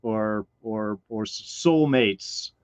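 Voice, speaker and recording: A man's voice: fairly low pitch, drawn-out words, clear, resonant tone, dry recording. Man, podcast host, casual review chat, filler-heavy, dry room, dull sound. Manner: rambling, hedging, lots of fillers.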